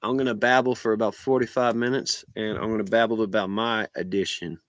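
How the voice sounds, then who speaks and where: A man's voice: on the low side, fairly even intonation, fairly quick. An American man, stoned, rambles casually on a livestream in a meandering, slangy stoner manner. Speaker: livestream vlogger.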